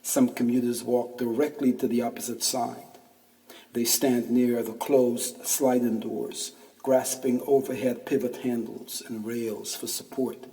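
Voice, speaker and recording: A man's voice: mid-range voice, flat delivery, measured pace, vocal fry, warm tone. A man in his fifties reading his own first-person essay aloud, wry and full of street slang, heard from a distance in a reverberant room. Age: 50s. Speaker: podcast host and narrator.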